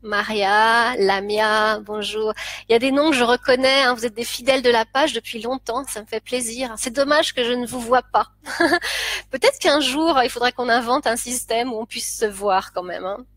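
A woman's voice: fairly high pitch, fairly even intonation, normal speed, a bit bright. A woman who teaches French, chatting on a live stream as she greets viewers by name and laughs often. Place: home, living in Pakistan.

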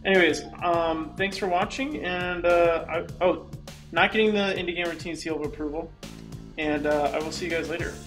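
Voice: mid-range voice, fairly even intonation, moderate pace, a bit bright. Rambling reviewer in an echoey room. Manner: rambling, full of restarts and fillers. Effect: echoing room sound. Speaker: game reviewer. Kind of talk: casual video game review. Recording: echoey room with game music.

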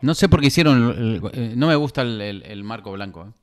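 A man's voice: mid-range voice, animated, a little fast. A man on a live podcast, giving strong opinions and swearing when he criticizes something. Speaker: podcast co-host. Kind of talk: casual live commentary chat.

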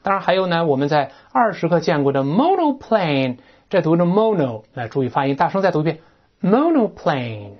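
Chatty English teacher, lively swooping delivery, dull lo-fi recording. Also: medium pitch, brisk. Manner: animated, chatty, imitates sounds, often asks "right?". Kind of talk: classroom-style lecture on vocabulary.

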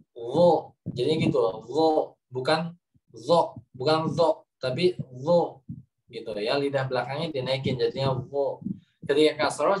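A man teaching Quran pronunciation in an online class, patiently modeling letter sounds and correcting students. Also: medium pitch. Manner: patient, repeats letter sounds slowly to demonstrate. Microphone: video call. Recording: distant video call audio.

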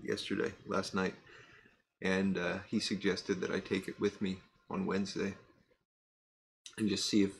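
A middle-aged man with a deep, creaky voice talks casually to camera, a bit of hiss or hum on the audio. The pipe-smoking vlogger sits in a cluttered workshop indoors, rambling relaxedly with many fillers and restarts and pausing to puff his pipe.

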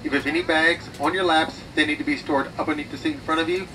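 Fast-talking male flight attendant. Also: on the high side, steady tone. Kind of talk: routine boarding announcement. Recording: distant cabin PA, clear aircraft noise.

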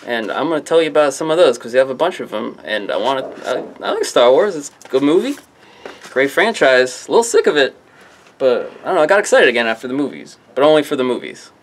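Talking fast and very animatedly, a man from a comic shop presents the new comics to camera in a loose, rambling rundown. He's offhand and self-mocking, often drifting off into "I don't know," and his medium-pitched voice comes with a little hiss or hum.

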